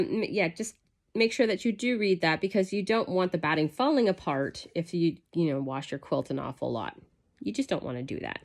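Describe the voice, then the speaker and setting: Woman, stuffy nasal voice from a cold, slightly low pitch, chatty how-to teacher. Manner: chatty, relaxed, with fillers. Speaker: quilting instructor. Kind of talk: casual how-to tutorial.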